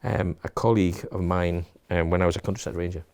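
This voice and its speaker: This middle-aged man, a college leader, gives reflective advice in a casual interview, restarting often and repeating words. He talks fast in a low, level voice that's a little mellow.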